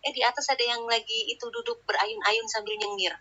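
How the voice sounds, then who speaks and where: Chatty woman storyteller with a sharp, husky voice, dull lo-fi sound, casual. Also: a little high, steady tone, brisk. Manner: chatty, tags sentences with filler tags. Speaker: guest storyteller. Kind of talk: casual spoken ghost story. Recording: lo-fi online audio room.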